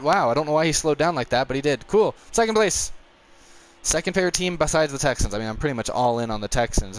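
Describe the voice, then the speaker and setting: With a medium-pitched voice and a little hiss or hum in the recording, the nineteen-year-old gaming streamer chats his way through a racing game on a live stream. He rambles, reacts to the race, loses patience fast, and chuckles.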